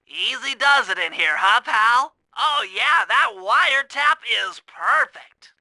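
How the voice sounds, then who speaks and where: A man plays a nerdy, earnest young turtle who plans heists in an animated video game, briefing in a brisk, instructing, precise, technical and eager way. His nasal voice is very high-pitched and slow, heavily acted, and the recording is dry.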